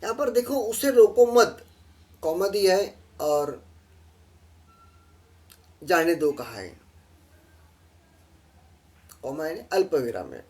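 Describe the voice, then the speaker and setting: Higher-pitched man teaching a slide lesson. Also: sing-song, a little mellow. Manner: explains patiently, repeats key phrases, pauses with fillers. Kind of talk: classroom lesson over slides.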